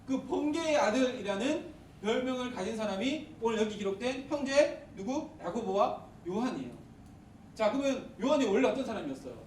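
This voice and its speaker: Youth pastor sermon, lively, keeps asking the crowd questions, roomy echo, faint hiss. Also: mid-range voice. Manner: animated, quizzes the congregation and acts out angry quotes. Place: retreat worship hall. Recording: echoey hall, distant mic, faint hiss.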